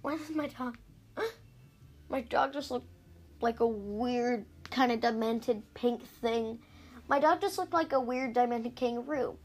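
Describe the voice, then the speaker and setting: With a fairly high, darkish voice and a slow pace, a podcast host chats about the books she's recapping. Captured on an iPad, she rambles along and cuts herself off with giggly asides.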